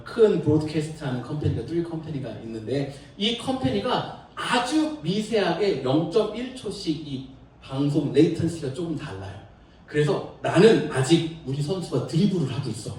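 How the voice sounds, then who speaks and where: A middle-aged man preaching a sermon as pastor, telling stories with lively laughter and acted-out quotes. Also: a little high. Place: church sanctuary. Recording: echoey room from far off.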